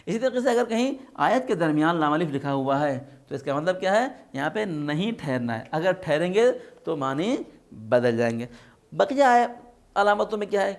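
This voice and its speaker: A man's voice: a little high, lively intonation. A man teaching a Quran recitation class, explaining patiently and checking in with his listeners through frequent questions. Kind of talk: religious classroom lesson.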